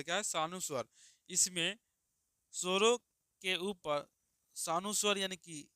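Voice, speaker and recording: Male teacher, smooth and bright voice, drilling students by repeating questions. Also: on the high side, dry recording, clean studio sound. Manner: repeats questions and answers them himself, calls students "babu". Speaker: Hindi grammar teacher. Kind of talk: classroom lesson for students.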